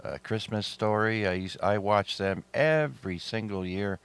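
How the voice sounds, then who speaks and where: A man's voice: fairly low pitch, moderate pace, clean tone. A middle-aged man from Canada hosting an amateur radio net, chatting easily with many fillers and a slightly sore throat. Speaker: net control host.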